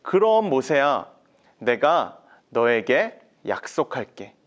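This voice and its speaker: A calm, fatherly God, as a man puts Him on in a children's Bible story. He speaks slowly and kindly, with a gently rising and falling voice. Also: medium pitch, highs cut off. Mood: reassuring.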